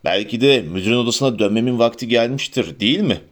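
A man's voice: mid-range voice, fast, natural voice. A man voicing a haughty, disdainful old male portrait headmaster in an audiobook reading.

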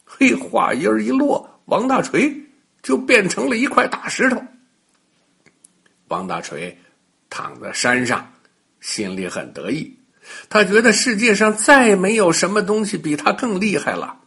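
An older man narrating a bedtime story for children in a lively, playful way, talking to the kids directly. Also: high-pitched, unhurried, creaky, slightly rough.

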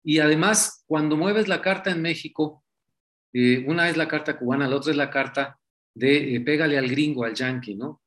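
A man talks politics in a loose, conversational way, his voice sitting a little high for a man. He keeps tossing in rhetorical questions as he builds his point. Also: moderate pace, fairly bright tone. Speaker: political commentator. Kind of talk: casual political talk.

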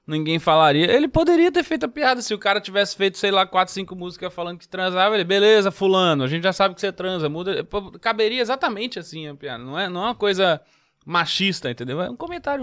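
A man from Brazil in casual podcast chat, slangy and animated, often trailing off and restarting. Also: high-pitched, fast. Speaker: podcast host.

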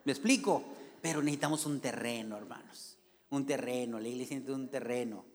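A man's voice: medium pitch, brisk. A man preaching a fervent sermon as a pastor, calling his congregation "brothers" after nearly every phrase. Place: church. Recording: long reverb of a church hall.

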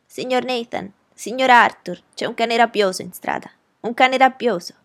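A woman's voice: mid-range voice, a little fast, creaky. A woman voicing a stern, bustling housekeeper who speaks in a firm, raised, commanding way.

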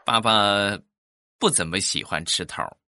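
A man, telling comic family anecdotes in an animated way. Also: on the low side, unhurried, over music. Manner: animated, acts out voices. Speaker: comic storyteller.

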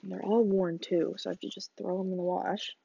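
A woman's voice: lowish voice, flat delivery, brisk, creaky, mellow, husky, lo-fi sound. A teenage woman hosting a casual solo podcast, chatty and rambling, sniffling and laughing as she talks. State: sniffly, coughing. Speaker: podcast host. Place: small bedroom.

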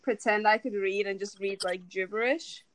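A woman's voice: mid-range voice, moderate pace, crowd noise, low-quality recording. A young woman from Turkey, a native Turkish speaker, chatting casually as a podcast co-host, full of "like" and easy laughter. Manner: chatty, many fillers, laughs easily. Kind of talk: casual chat.

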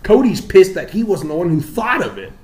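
Young man in his twenties, podcast co-host, lively and swearing, somewhat high voice, echoey room. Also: brisk, slight background noise. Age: 20s. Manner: animated, swears a lot, gets loud and laughs while telling stories. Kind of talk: casual chat.

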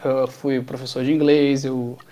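This political candidate, a man from Rio de Janeiro speaking Carioca Portuguese, stumbles through interview answers with many hesitations, fillers and restarts. His mellow, mid-range voice shows little pitch movement and keeps a normal speed.

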